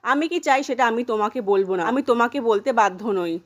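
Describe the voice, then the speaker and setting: A woman's voice: on the high side, quick pace, natural voice. A woman voicing a firm, defiant middle-aged mother in a retold soap-opera scene.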